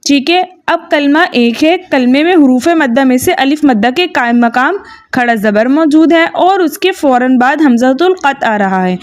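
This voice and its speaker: High-voiced, patient woman teaching recitation. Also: lively intonation. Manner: patient, methodical, repeats "okay" and checks understanding; slow drawn-out chanting when reciting verses. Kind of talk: tajweed lesson with recited examples.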